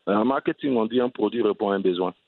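Ivorian man, cycling advocate guest, earnest, lowish voice, dry thin phone-like audio. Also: fast, dry recording. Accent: Ivorian French. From Côte d'Ivoire. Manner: earnest, restarts phrases often. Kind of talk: radio interview answers. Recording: dry, tinny phone-line sound.

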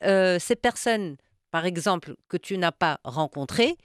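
A woman's voice: lowish voice, expressive, measured pace, dry recording, studio quality. A woman interviewer asking long, searching questions and often repeating words as she builds them.

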